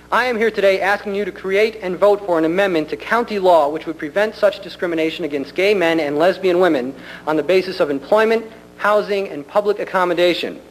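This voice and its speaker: Man, fairly high voice, deliberate polite public speaker, formal prepared address, faint noise and hum on meeting recording. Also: rough recording. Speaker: community center director addressing a county commission. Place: public government meeting room.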